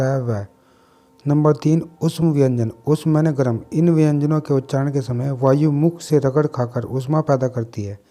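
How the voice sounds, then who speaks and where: A man teaching a grammar lesson, reading from his notes in a steady way and listing the letters one by one. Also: a little high.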